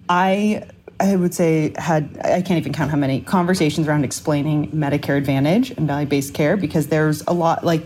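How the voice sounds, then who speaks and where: A woman with a low-pitched voice gives a conversational panel answer. She speaks as a founder and slips into quoted dialogue as she explains. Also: a little mellow. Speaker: startup founder, panel guest.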